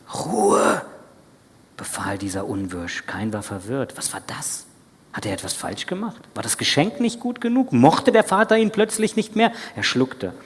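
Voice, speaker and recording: Breathy man telling a sermon story. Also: medium pitch. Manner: dramatic storytelling, drops to whispers. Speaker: preacher. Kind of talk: sermon told as a retold story. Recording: breathy voice in a long church reverb.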